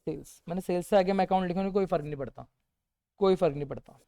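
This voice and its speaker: A teacher leading a revision session peppers his students with rhetorical questions, answering plenty of them with a quiet word of his own. He has a high-sitting voice and talks fast.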